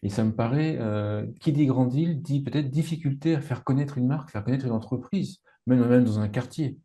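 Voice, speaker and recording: A man's voice: medium pitch, a little fast, mellow. A man from Savoie interviewing a business founder in a conversational, slightly hesitant way. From Savoie, France. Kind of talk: casual interview.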